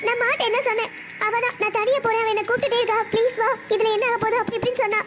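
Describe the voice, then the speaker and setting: A woman's voice: extremely high pitch, level tone, very fast, loud music behind the voice. A woman voicing a tearful teenage girl in a cartoon. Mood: heartbroken. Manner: tearful, complaining. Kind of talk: cartoon voice acting.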